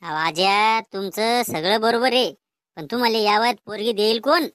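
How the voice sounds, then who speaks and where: Cartoon role: a woman doing a teasing young grandson, Vidarbha Marathi accent, mid-pitched, dry close sound. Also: moderate pace, a bit bright, no room sound, close to an everyday voice. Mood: mocking. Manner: mocking, teasing. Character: cheeky mocking young grandson. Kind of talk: cartoon comedy voice acting.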